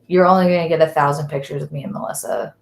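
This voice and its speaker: A woman's voice: low-pitched, steady tone, rapid-fire, creaky. A woman co-hosting a live podcast, chatting casually and rambling as she searches for words. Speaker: podcast co-host. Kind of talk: casual live-stream chat. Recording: roomy echo.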